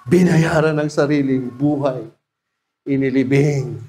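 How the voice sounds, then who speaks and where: A man with a Filipino accent preaching a sermon as pastor in a church, swinging from soft passages to loud shouts. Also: fairly high pitch. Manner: swings from soft to loud shouts, laughs at his own points.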